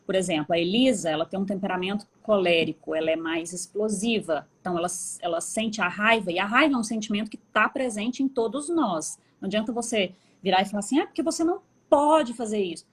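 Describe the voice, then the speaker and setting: Husky Brazilian mother telling stories. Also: medium pitch, fast talker, few pauses. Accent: Brazilian Portuguese. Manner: animated storyteller, quotes herself talking to her kids. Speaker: guest, mother of three. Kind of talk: casual conversational storytelling.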